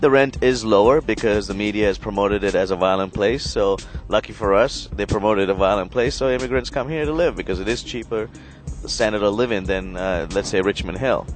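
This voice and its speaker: A man from Sri Lanka talking casually in an interview, animated and proud, rambling with fillers. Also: on the low side, fairly quick, soft background music, poor audio. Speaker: interviewee, local resident.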